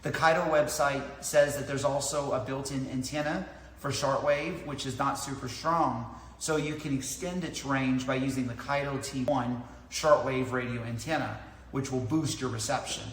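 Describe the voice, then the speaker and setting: A man in his thirties, medium-pitched and slightly bright, speaks at a normal speed in a steady tone as he explains a product to camera point by point, reviewer-style. He's in a large indoor lounge with a tiled floor, and the hard-walled room sounds echoey, with background noise clearly audible.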